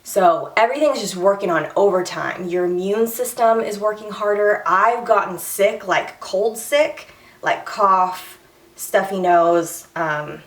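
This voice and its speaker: A woman's voice: mid-range voice, measured pace. A young woman, chatting candidly in a personal vlog and a little short of breath. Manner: candid and chatty, with many fillers and restarts. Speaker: vlogger. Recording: echoey room, voice a bit far from the mic.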